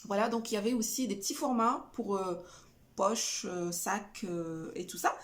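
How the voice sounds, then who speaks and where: A woman's voice: mid-range voice, moderate pace. A middle-aged woman casually chatting about her shopping haul, hesitant with many fillers and restarts. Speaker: family vlogger showing a shopping haul. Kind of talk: casual haul chat to camera.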